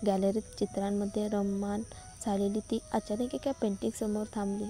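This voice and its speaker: Female storyteller: steady, even, monotone delivery with a dark tone. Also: mid-range voice, normal speed, faint music behind. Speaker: narrator. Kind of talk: scripted story narration.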